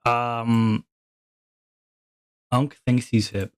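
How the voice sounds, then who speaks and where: Male streamer, mid-pitched, sarcastic and grumbling, dry close sound. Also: little pitch movement, drawn-out words, smooth, no room sound. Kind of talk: casual livestream chat.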